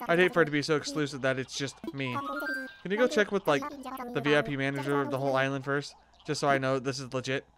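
A man's voice: mid-range voice, fairly even intonation, fast talker, over music, close to an everyday voice. A man reading aloud the lines of a smug male lion villager from a video game. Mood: boastful. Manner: read aloud from game text.

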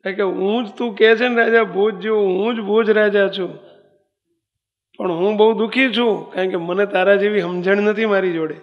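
A man's voice: sits high, steady tone, normal speed, highs cut off, natural voice. A monk putting on a troubled, humbled king. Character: sorrowful king envying greater kings, humbled. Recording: long hall reverb.

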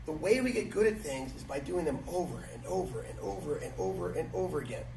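A man's voice: on the high side, expressive, quick pace, gravelly. A middle-aged man giving instruction to martial arts students, emphatic and repeating his key phrases. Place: large matted martial arts gym, indoors. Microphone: camera several metres away. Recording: echoey hall, distant mic, background noise.

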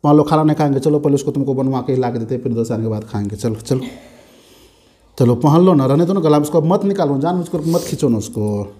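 A man's voice: mid-range voice, quick pace, warm tone. A man hosting a home vlog, coaxing and soothing his wife by repeating himself over and over. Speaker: vlog host. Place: home room.

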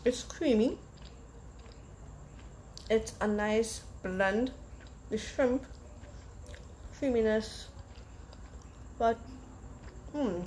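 A woman's voice: a little high, very slow, long pauses, a little mellow, slight background noise. A young woman reviewing food in a casual, chatty way while chewing mid-bite.

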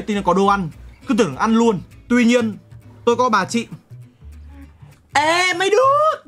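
A man's voice: a little high, fairly bright tone. A young man streaming, chatting casually with viewers in a brash, joking way full of crude slang while he reacts to photos and clips.

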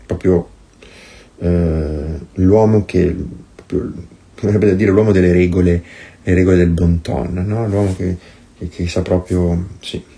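A man's voice: low voice, fairly even intonation, a little slow, warm tone. A man giving a priest's meditation in an impassioned, sarcastic and emphatic way. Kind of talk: recorded meditation, sermon-like.

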